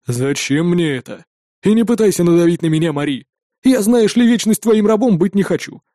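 A man's voice: high-pitched, lively intonation, fairly quick, dark tone, no echo, clean studio sound. A man voicing a weary, irritated male guild head who grumbles. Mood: grumpy.

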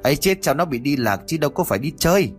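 A man's voice: a little high, animated, rapid-fire, soft background music, voice pushed up, lightly acted. A man voicing an older village woman, a kind neighbor who soothes and reassures a frightened girl in a told story. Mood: soothing. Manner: soothing, chatty.

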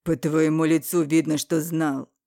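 Forceful, gravelly husband, voiced by a woman, dark tone, accusing, for an audiobook. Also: low-pitched, steady tone, takes it slowly, no room sound, studio quality, pitched below the performer's own voice, full character voice. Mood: angry. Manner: loud, accusing. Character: angry husband, forceful and confronting. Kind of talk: audiobook character reading.

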